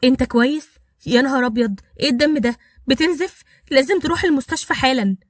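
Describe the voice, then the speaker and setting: A woman's voice: high voice, very fast, pitched above the performer's own voice. A woman voicing a kind, anxious young woman with an Egyptian accent, worried and pleading. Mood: alarmed. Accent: Egyptian Arabic.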